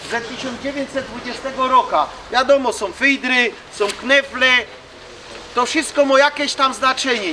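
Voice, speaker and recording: A man with a Silesian accent giving an informal public talk in dialect as a reenactor. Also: extremely high pitch. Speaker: mining reenactment group member addressing visitors. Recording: noisy outdoor ambience.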